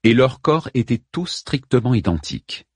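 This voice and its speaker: A man narrating an audiobook in an expressive, measured reading voice. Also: mid-range voice, slightly rough, no room sound, studio quality. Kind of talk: scripted narration.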